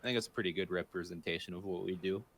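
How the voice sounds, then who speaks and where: A man's voice: low voice, rapid-fire, a bit bright, slightly rough. A man chatting casually as a guest streamer on a talk show. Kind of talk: casual chat.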